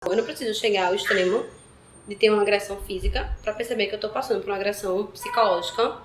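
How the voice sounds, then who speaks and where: A young woman talks quickly and directly about her experience. Her voice sits at a middle pitch and carries a roomy echo, with faint ambience behind it. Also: steady tone, a little hiss or hum. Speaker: interviewee. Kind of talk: personal testimony.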